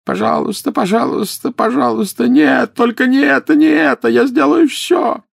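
A man voicing an elderly male wizard in agony, wailing and begging in a high, strained voice, in an audiobook. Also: normal speed, vocal fry, slightly rough, no echo, clean studio sound, heavily acted. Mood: anguished pleading. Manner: wailing, pleading, shrieking high. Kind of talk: audiobook character voice.

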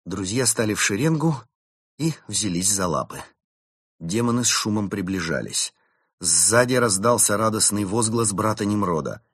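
A man narrating an audiobook story in a steady, expressive reading. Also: lowish voice, moderate pace, slightly rough, dry recording, studio quality.

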